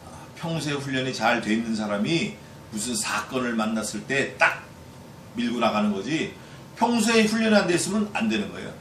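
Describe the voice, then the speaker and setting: A male pastor giving a Bible exposition sermon in a lively way, acting out quoted voices and putting questions to the congregation. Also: mid-range voice, a little fast. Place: church hall. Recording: echoey church hall, distant mic, faint noise.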